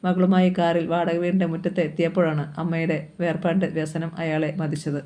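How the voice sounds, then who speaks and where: A storyteller reads a short story aloud at a steady, even pace. The voice sounds dark and mellow, and the pitch stays flat and level from line to line. It is plain, scripted narration. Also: a little fast. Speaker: story reader.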